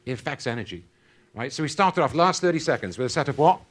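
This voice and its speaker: A man's voice: mid-range voice, expressive, fast talker. A man giving a motivational keynote at a conference, quizzing the audience in call-and-response fashion. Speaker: keynote speaker. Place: conference hall.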